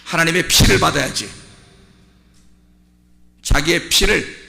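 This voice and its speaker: Gravelly male pastor preaching in a reverberant hall. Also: on the high side, a little slow. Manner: swings from quiet conversational talk to loud shouting; addresses the congregation directly with rhetorical questions. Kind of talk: sermon. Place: church sanctuary. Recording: long reverb in a church hall.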